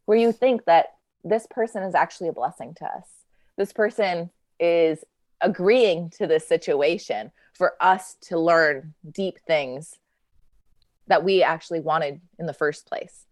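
A woman speaking as a podcast guest, earnest and reflective, with plenty of fillers as she works through her thoughts. Her voice sits a little low. The sound is dry and close. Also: a little slow, dry recording. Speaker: podcast guest, healing coach. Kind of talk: casual podcast chat.

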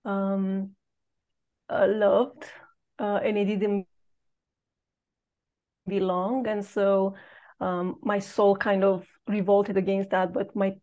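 On a podcast, a woman from Romania in her late thirties tells her personal story, pausing often as she reflects haltingly. Her medium-pitched voice moves little in pitch, and the audio sounds narrow and tinny.

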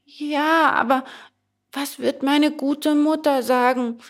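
A high, childlike puppet boy, put on by a woman reading a storybook aloud, pleading and easily swayed. He talks slowly, his voice climbing well above a grown woman's. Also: steady tone. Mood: reluctant.

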